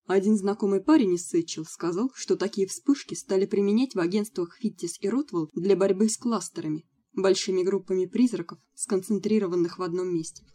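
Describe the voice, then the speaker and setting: A confident young man who runs a small ghost-hunting agency, speaking briskly and with easy assurance, as a woman reading the audiobook puts him on. The tone is mellow and dark. His pitch is moderate. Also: natural voice. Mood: explaining. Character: confident cocky young male agency leader.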